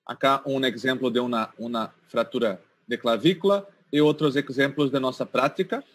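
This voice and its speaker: Brazilian man speaking halting Portuguese-Spanish mix. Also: medium pitch, a bit bright. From southern Brazil. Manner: mixes Portuguese words into Spanish; halting, repeats words while searching. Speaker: guest speaker, orthopedic shoulder surgeon. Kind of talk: medical presentation.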